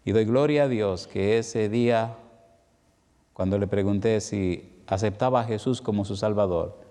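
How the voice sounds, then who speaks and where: In a long, reverberant hall, a middle-aged Dominican evangelist preaches, his accent clearly Dominican Spanish. He recounts a personal story emotionally in a fairly low, dark-toned voice, alternating slow, emphatic stretches with quick ones.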